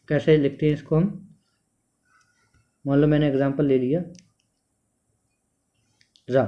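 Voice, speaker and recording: A male teacher giving a classroom lecture, asking the class questions and then answering them himself. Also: a little high. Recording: dull lo-fi sound.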